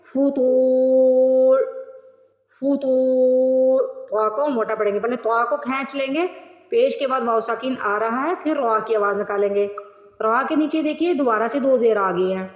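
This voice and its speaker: A fairly high-voiced woman teaches recitation word by word. She stretches each word out slowly, then explains the rules at a brisker clip. Her voice rings in a roomy space with a long, trailing reverb. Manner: slow drawn-out recitation between brisk explanations. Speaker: Quran reading teacher. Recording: echoey room with long reverb.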